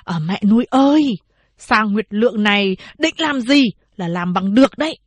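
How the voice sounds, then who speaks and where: A woman's voice: medium pitch, animated, normal speed, no echo, close to an everyday voice. Woman doing a slurring drunk young man. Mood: brash. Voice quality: slurred, drawling.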